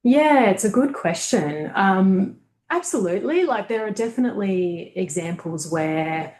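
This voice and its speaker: A woman guest on a webinar talks through presentation tips over a video call in a casual, thoughtful, searching manner full of fillers and restarts. Her mid-range voice is animated but unhurried, with a darkish tone and a reverberant sound.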